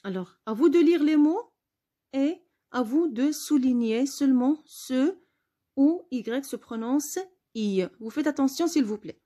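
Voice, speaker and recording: Woman teacher, spelling lesson, very slow delivery, patient repetition, fairly high pitch. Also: animated, dark tone. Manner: patient, repeats words slowly for pupils.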